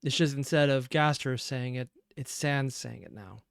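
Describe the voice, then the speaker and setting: Gravelly yet smooth, his mid-range voice comes through a dry, studio-quality recording. He is a reaction-video host reflecting on a fan dub, and his remarks are earnest and analytical, with emphasis placed deliberately.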